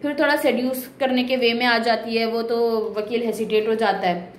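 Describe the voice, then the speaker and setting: Woman film recapper, high voice, chatty and wry asides, roomy echo, faint hiss. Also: fairly even intonation, moderate pace. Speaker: movie reviewer. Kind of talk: casual movie story recap.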